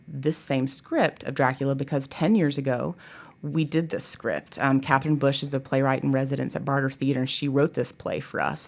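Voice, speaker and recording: A middle-aged woman from Tennessee, a theater professor, appears as a guest on an interview show and talks in a fairly low voice. Her delivery is casual and conversational, chatty and expressive, with informal asides dropped in.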